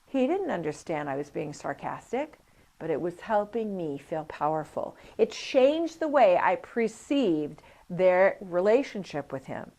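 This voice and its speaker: A woman's voice: on the low side, a little slow. A woman instructor teaching a coparenting class, telling stories and acting out what people said. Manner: animated storytelling, acts out quoted voices. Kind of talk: lively teaching talk with anecdotes.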